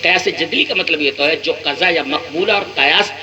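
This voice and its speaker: A man, an Islamic scholar, giving a religious lecture, explaining point by point with rhetorical questions and slowly reciting verses. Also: on the high side, dull audio, music in the background. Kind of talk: religious lecture comparing scriptures. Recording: noisy lecture recording.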